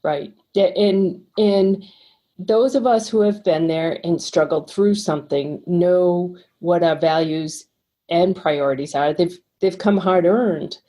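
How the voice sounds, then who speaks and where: A middle-aged woman with a Boston accent, a financial coach explaining ideas calmly and steadily as a podcast guest. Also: lowish voice. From Boston, USA. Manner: calm, explanatory, measured. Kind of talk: podcast interview.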